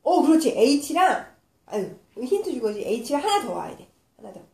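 A woman teaching English phonics to young children. She explains patiently and sounds letters out slowly. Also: high voice, big pitch swings, dark tone. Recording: echoey room with faint noise.

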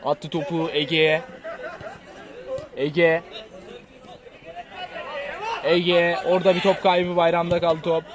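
A man giving live play-by-play football commentary, lifting into excited, drawn-out calls on shots and goals. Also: on the high side, crowd noise.

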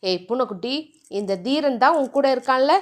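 A woman reading the part of a stern, possessive young man in an audiobook novel, dropping her voice lower and firmer. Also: animated, moderate pace. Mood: gruff.

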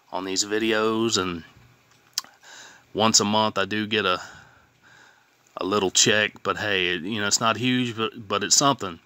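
A man's voice: fairly low pitch, sharp tone, smooth, dry recording. A man casually hosting a vlog for followers, informal and repetitive, speaking a little oddly with a sore, healing tongue. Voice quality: slightly impaired speech from a sore, healing tongue. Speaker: host of a fan contest channel. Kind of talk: casual vlog talk, reading standings and chatting to followers.

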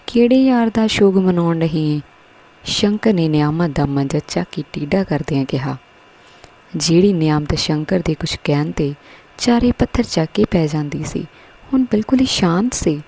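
A woman narrating a scripted story in a steady, earnest way. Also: deep voice, moderate pace, breathy edge, rough recording.

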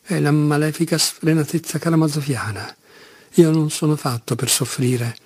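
A man's voice: fairly high pitch, fairly even intonation, normal speed, darkish tone, slightly rough, no echo. A man reading as Mitya, a tormented young convict. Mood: anguished. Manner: impulsive, pleading, self-reproaching. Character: condemned young Russian man, passionate, self-loathing.

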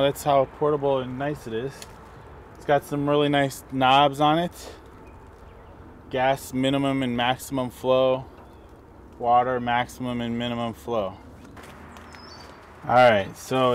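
A camping vlogger, middle-aged, works through a product setup step by step in sunny woods by a vehicle, relaxed as he handles the gear. He speaks at medium pitch with slight background noise.

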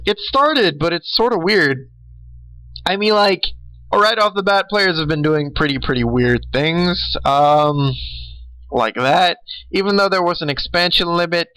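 A man's voice: on the high side, pushed and bright, dry recording, low-quality recording. A tired young man hosting a casual recap of an online strategy game, rambling with fillers and small laughs. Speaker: game host.

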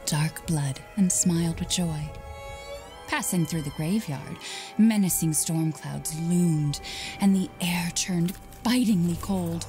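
A young mother from a horror game, telling a dark bedtime tale in a low, hushed storybook voice. She drops into whispers on the creepy turns. Game music swells behind her. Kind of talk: scripted game narration.

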